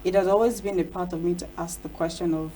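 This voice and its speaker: An Igbo-speaking woman from southeast Nigeria, a cultural storyteller, reflects casually in a studio interview and often says "you know." Her lowish, mellow voice moves fast with fairly even intonation. The recording is rough, with slight background noise.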